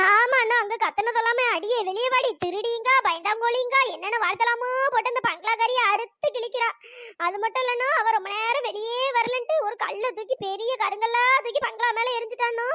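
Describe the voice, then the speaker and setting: A voice actor playing a chattering, gossipy village woman in a cartoon, speaking in a pitch-raised cartoon voice. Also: fairly quick, sharp tone, exaggerated voice. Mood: recounting. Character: gossiping village women neighbours, fussy.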